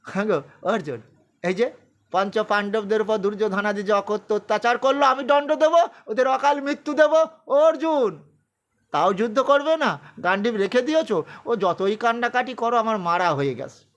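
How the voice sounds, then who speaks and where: A man doing a stern, commanding divine lord who makes solemn declarations within a spoken sermon retelling. The voice sits high and carries forward. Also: expressive, moderate pace.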